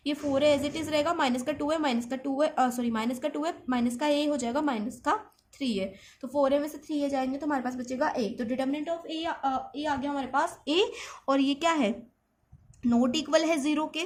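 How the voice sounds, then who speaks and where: High-voiced woman teaching maths. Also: a little hiss or hum. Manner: explains patiently, often checks in with "theek hai". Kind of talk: step-by-step classroom explanation.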